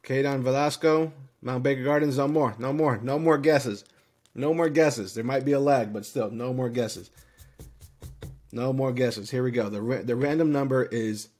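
Male live-stream host running a giveaway, hyped and quick, reads off viewer guesses with snap verdicts. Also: medium pitch, a little mellow. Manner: upbeat and hyped, rattling off numbers with quick yes-or-no verdicts.

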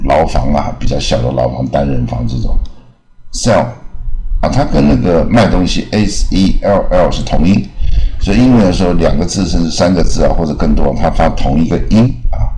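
Very deep-voiced man teaching pronunciation. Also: lively intonation, dark tone. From Taiwan. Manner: repeats model words slowly, many filler "啊". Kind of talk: casual spoken lesson. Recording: echoey room.

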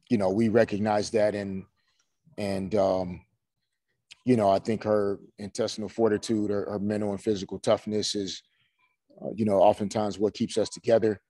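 A man in his forties, a head coach answering postgame press questions in a measured way, full of "you know" fillers, over a video call. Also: lowish voice, mellow, no room sound. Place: small room before a team logo backdrop. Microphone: video call webcam.

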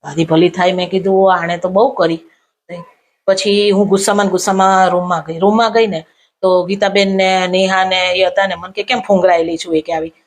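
A woman telling a comic anecdote to camera, acting out what others said in a raised voice. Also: fairly quick. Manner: animated retelling, acting out quoted lines in raised pitch. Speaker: comic storyteller.

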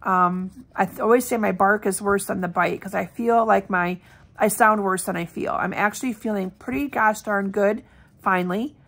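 A woman's voice: medium pitch, moderate pace, gravelly, a bit bright. A middle-aged woman demonstrating card making in a casual, chatty tutorial, her voice still scratchy with a lingering cough. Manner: chatty and upbeat, addressing viewers directly.

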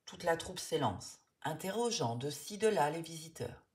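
Femme, voix grave, narration de livre pour enfants, très expressive. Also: female voice, low voice, normal speed. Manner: expressive, lively. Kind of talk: storybook narration.

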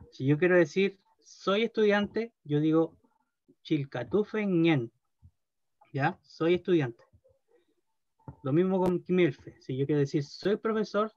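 A man teaching a language class, speaking slowly and deliberately and often checking in with his students. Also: a little high, a little mellow, dry recording, dull audio.

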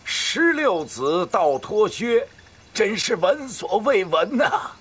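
An effusive old elder of a kung fu film. His voice is fairly high and swings widely, drawn out theatrically at a slow pace. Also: very animated, fairly bright tone, husky, heavily acted. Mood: admiring. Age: older. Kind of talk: martial arts film acting.

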